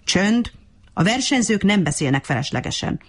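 A woman's voice: mid-range voice, huge pitch swings, husky, pitched above the performer's own voice. A woman voicing a strict, fair-minded hare who acts as referee, speaking in a stern, official way.

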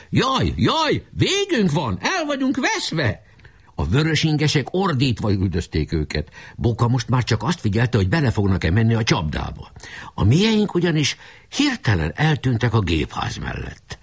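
Husky low-voiced male storyteller. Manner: lively, expressive storytelling. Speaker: narrator. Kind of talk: audiobook narration.

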